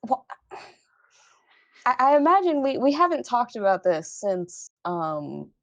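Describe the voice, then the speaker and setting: Halting woman tabletop game player. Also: on the high side, big pitch swings, fairly bright tone, muffled recording. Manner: hesitant, halting, laughs often. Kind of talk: casual tabletop game chat.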